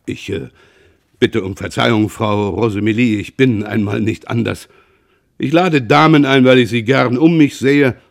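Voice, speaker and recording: A man reading aloud voices a gruff, impatient older fisherman and father who grumbles loudly and then apologizes sheepishly. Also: medium pitch, normal speed, hardly any pauses, pitched above the performer's own voice, lightly acted. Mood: apologetic. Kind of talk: audiobook character reading.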